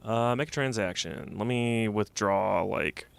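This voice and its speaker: Slightly stuffed up from a cold, a man rambles through his thinking while playing a game on stream in a casual let's-play. His voice is fairly low and gravelly, his pace measured, and game music runs underneath.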